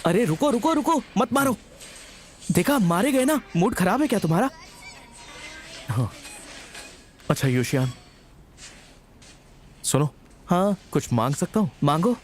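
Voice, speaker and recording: A man's voice: high-pitched, big pitch swings, a little slow, long pauses, soft background music. A coaxing playful young man. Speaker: dub actor.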